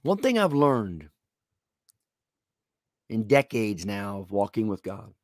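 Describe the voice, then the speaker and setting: Slow, earnest male TV preacher. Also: fairly low pitch, sing-song, a little mellow, no room sound, clean studio sound. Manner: earnest preacher addressing the viewer directly. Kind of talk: televised sermon.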